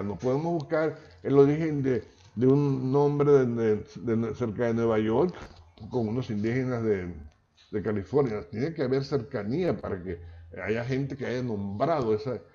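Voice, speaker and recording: Speaking at a measured pace in a dark, medium-pitched voice, a Venezuelan man from Maracaibo gives a linguistics lecture over a video call. His manner is chatty, and he often adds "¿ok?" to check in. The sound is muffled and lo-fi, typical of a video call.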